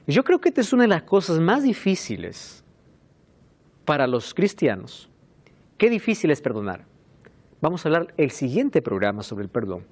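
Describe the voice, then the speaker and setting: A man preaching a sermon as pastor, emphatic and animated, turning aside now and then to call on helpers. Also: a little high, moderate pace, long pauses.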